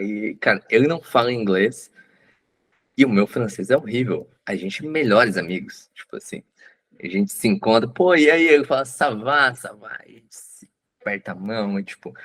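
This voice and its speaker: Relaxed, low-voiced Brazilian man chatting. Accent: Brazilian Portuguese. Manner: relaxed, slangy, many fillers and restarts. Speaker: guest author. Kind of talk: casual interview chat. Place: abroad at home, on a remote call.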